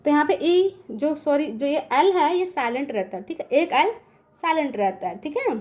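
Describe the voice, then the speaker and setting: A woman's voice: high-pitched, lively intonation, darkish tone. A woman teaching an English phonics lesson in a patient classroom manner, often checking whether the children follow and dragging out sounds as she spells words. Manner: slows down and stretches sounds to spell out words letter by letter. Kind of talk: classroom-style lesson explaining phonics rules.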